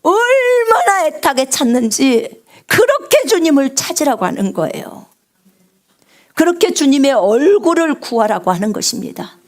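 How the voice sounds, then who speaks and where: A woman missionary preaching a live sermon on prayer, with a big resonant singer's voice, asking the congregation questions and swinging from loud cries to hushed whispers. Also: high voice, very animated, measured pace. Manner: asks the congregation questions and answers them.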